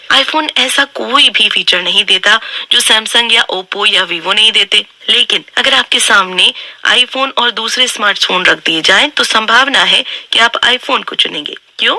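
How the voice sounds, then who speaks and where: A woman narrating a book summary in a steady, instructive, scripted way. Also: fairly high pitch, a little slow, no room sound.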